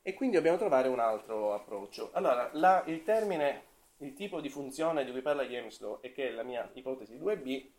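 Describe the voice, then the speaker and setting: A man's voice: mid-range voice, animated, a little fast, a little mellow. Hesitant Italian man giving an academic talk. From Italy. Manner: thinking aloud, hesitant with fillers and self-corrections. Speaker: seminar presenter.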